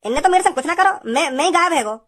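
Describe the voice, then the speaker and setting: A woman's voice: high-pitched, animated, racing. A woman voicing a tiny, brash grown man in a cartoon, who tells long boastful stories. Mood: rambling. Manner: boastful rambling storyteller, brash. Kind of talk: cartoon voice acting.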